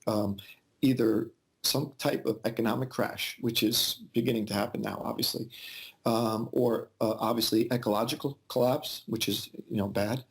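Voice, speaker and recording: A man in his forties with a gravelly edge to his voice talks over a video call. He answers at a medium pitch, pausing and restarting as he works through his thoughts. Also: steady tone. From Yugoslavia, raised in the United States. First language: Albanian. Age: 40s. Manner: thoughtful, with frequent fillers and restarts. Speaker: interview guest. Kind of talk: casual interview conversation.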